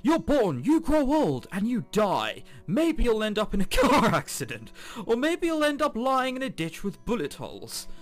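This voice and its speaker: Over game background music, a let's player with a very high voice and wildly swooping pitch talks at normal speed. He alternates between reading game text aloud and his own jokey, sarcastic remarks.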